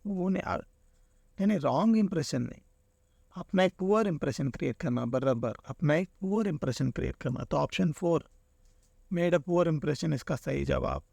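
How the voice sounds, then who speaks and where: A man's voice: on the high side, gravelly, a little mellow, no room sound, studio quality. A man teaching an exam-prep lesson, walking through answer options and explaining each with everyday examples. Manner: explains with everyday examples, keeps saying "theek hai".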